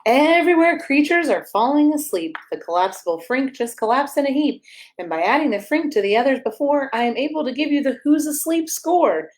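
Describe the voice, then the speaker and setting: In a low-quality recording, a woman pastor with a high-pitched, darkish, expressive voice reads a rhyming bedtime picture book fairly quickly. She keeps it playful, speaking directly to the kids and asking them questions.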